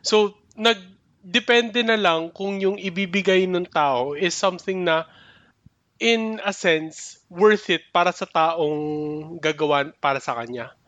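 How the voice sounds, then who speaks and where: A young man talks through ideas on a podcast, restarting and hedging as he goes. His voice sits high and sounds bright and forward. The sound is dry and close, with no room around it. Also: slow, no echo, lo-fi sound. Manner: thinks aloud, restarts and hedges. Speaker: podcast co-host. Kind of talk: casual chat mixing Tagalog and English.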